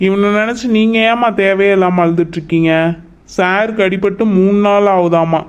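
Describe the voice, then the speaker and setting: A man's voice: high voice, steady tone, moderate pace, clean tone, dull audio, natural voice. A man voicing a polite young visitor in a cartoon who speaks respectfully to his friend's mother. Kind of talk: cartoon voice acting.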